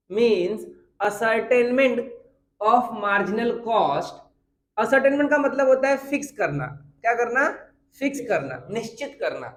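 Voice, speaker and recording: A man teaching a commerce class at a whiteboard in Hindi mixed with terms. He asks his own questions and answers them, and repeats every key point. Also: high-pitched. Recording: echoey room.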